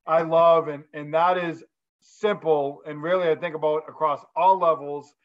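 A man's voice: a little high, fairly even intonation, normal speed, highs cut off. A man hosting a basketball coaching interview, enthusiastic and affirming as he responds to his guest. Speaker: show host. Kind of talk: casual interview chat.

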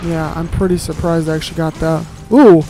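A man's voice: on the high side, fairly even intonation, brisk, music in the background, rough recording. A man giving casual, grumbling let's-play commentary while he plays, with sarcastic asides and casual swearing.

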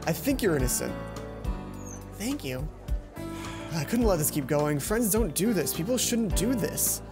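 A young let's play streamer reads a visual novel's story aloud on a headset mic, game music playing underneath. He has a high voice with a sing-song lilt and an unhurried pace. His asides are playful and self-mocking, and he stumbles over words.

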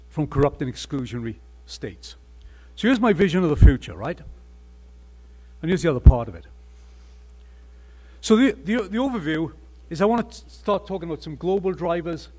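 A husky older man with a Welsh accent lectures from a conference hall panel table into a table microphone, presenting with slides. His voice is a little high and darkish, and he speaks earnestly and emphatically, with restarts.

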